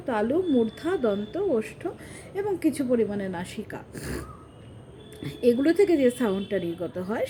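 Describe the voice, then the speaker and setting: A woman with a high, bright voice gives a patient spoken lesson. She repeats each key term and spells words out letter by letter, talking straight to the listener. A faint hiss of room noise sits under her voice. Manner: addresses the viewer directly. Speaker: language teacher. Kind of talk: explanatory lesson.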